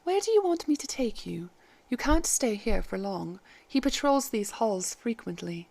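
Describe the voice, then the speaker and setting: A woman reading the part of a calm, kindly head maid who speaks gently and formally. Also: on the high side, normal speed, creaky, exaggerated voice. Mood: gentle.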